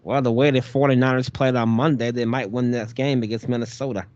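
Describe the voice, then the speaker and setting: Talking football on a Detroit podcast, this male co-host keeps the sports chat casual, lively and full of playful teasing. He speaks fairly quickly at a medium pitch, with no room sound and dull audio.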